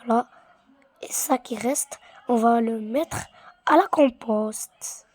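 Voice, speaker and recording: A woman's voice: fairly high pitch, slow, a little mellow. A woman giving casual gameplay commentary, muttering half-whispered asides to herself, repeating words and sounding easily bored. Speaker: gaming streamer.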